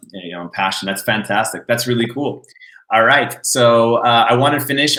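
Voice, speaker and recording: Bright-voiced chatty male podcast host. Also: lowish voice, roomy sound, low-quality recording. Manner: relaxed, chatty, frequent "mm-hmm" backchannels. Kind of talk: casual interview.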